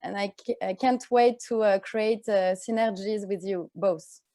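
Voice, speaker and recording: A woman whose first language is French, introducing herself as a program coordinator on a video call in warm, slightly unidiomatic English. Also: mid-range voice, steady tone, measured pace, no room sound. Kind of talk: self-introduction.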